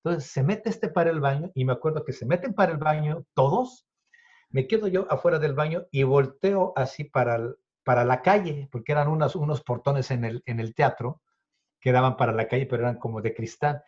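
A man's voice: medium pitch, brisk, darkish tone. A Mexican man in his fifties telling a story in an interview. He acts out the dialogue and swears freely. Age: 50s. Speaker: guest, illusionist. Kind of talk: animated storytelling in conversation. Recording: dull lo-fi recording.

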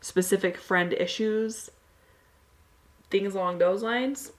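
A woman's voice: mid-range voice, takes it slowly. A woman co-hosting a podcast, talking in a casual, conversational way. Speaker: podcast co-host.

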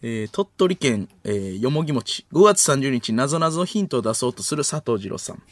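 A young man with a Kansai accent hosting late-night radio comedy, reading listener letters in a quick, playful way. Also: medium pitch, sing-song, a little hiss or hum. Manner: quick, playful, breaks into giggles. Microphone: studio mic.

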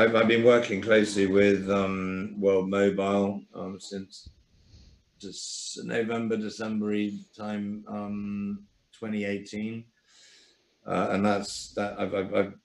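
Podcast guest: man, very low monotone voice, rambling with fillers, roomy echo. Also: measured pace, slight background noise. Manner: rambling, many fillers and restarts. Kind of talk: casual interview talk.

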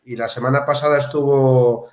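A man with a medium-pitched voice chats easily as co-host of an interview. His voice carries a clear room echo. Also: steady tone, normal speed, darkish tone. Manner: chatty, laughs between points. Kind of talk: casual interview chat. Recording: roomy echo.

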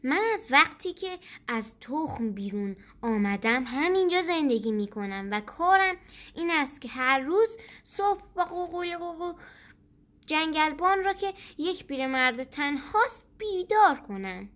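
A woman voicing a kind, helpful young rooster in a children's storybook reading, speaking slowly as she explains. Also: sits high, animated, fairly bright tone. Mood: explaining.

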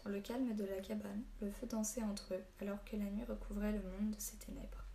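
Calm woman narrating an audiobook. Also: mid-range voice, a little fast, creaky. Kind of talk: audiobook reading. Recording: echoey room, faint hiss.

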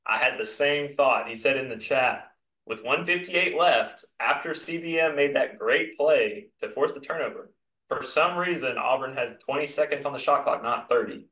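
A man with a bright, forceful voice hosts a sports talk show, pushing his points hard in an animated rant. His voice carries a roomy echo from the space around him. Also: mid-range voice, normal speed. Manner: emphatic, animated ranting. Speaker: podcast host. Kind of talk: casual sports chat.

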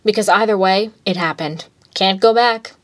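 A woman's voice: mid-range voice, normal speed, fairly bright tone, lightly acted. A woman voicing a brash, mocking male villain in a fan fiction reading, blunt and crude. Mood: taunting. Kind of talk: fan fiction read aloud.

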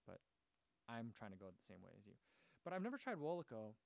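This running-channel host speaks in a fairly low, sing-song voice, fairly quick and with vocal fry. He chats casually on a livestream, reading out viewer comments and rambling with fillers and restarts, and the audio has no echo.

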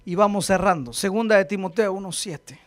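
A man preaching a fervent sermon as pastor, swinging from hushed asides to shouted calls. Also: sits high, fairly quick.

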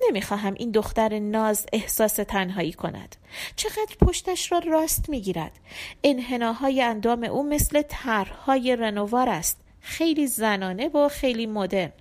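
A woman's voice: on the high side, expressive, a little mellow, natural voice. A woman reading the lines of an arrogant young man who murmurs scornful asides in an audiobook. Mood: musing. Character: young man, arrogant self-styled intellectual.

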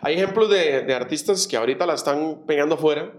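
A man, hosting a casual interview in a measured, conversational way. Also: a little high. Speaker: host.

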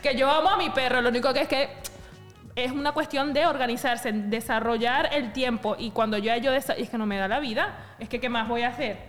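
Woman, podcast co-host, bossy teasing banter, high voice, roomy echo. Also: fairly quick, a bit bright, soft background music. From Venezuela. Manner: bossy, teasing, laughs often.

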